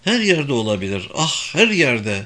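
A man voicing a frightened, grieving mother who speaks softly and anxiously in an audiobook reading. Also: medium pitch, very animated, a little slow, exaggerated voice. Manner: soft, anxious, sometimes whispering.

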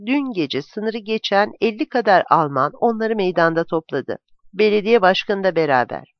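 A narrator voicing a desperate male village teacher who shouts in anger, in a dull, dry, lo-fi recording. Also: mid-range voice, expressive, moderate pace, no room sound, close to an everyday voice. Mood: angry.

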